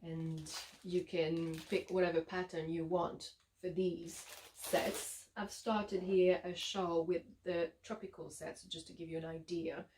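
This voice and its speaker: A woman with a French Canadian accent, a yarn dyer giving a relaxed, chatty showcase of her shop's products with frequent ums and uhs. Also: on the low side, unhurried, hardly any pauses, slight background noise. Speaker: yarn dyer and shop owner.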